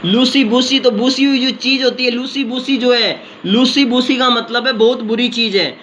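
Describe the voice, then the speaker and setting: High, bright-voiced male teacher. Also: fairly even intonation, normal speed. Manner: sing-song repetition of memory tricks. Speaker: English vocabulary teacher. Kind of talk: energetic exam-prep lesson. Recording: slightly dull lo-fi sound with faint noise.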